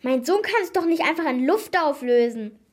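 A woman's voice: high voice, expressive, moderate pace, voice pushed up. A woman voicing a bewildered old man who is grieving his son in a storybook.

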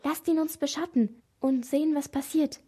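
A woman voicing a bold, quick girl detective who talks in an eager, energetic way. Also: high voice, lightly acted.

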